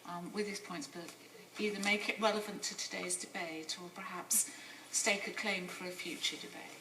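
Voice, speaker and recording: A woman chairing a parliamentary debate, giving a measured, polite but firm procedural ruling. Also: fairly low pitch, steady tone, a crowd in the background. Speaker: deputy speaker chairing debate. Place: large debating chamber. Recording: distant echoey chamber with background noise.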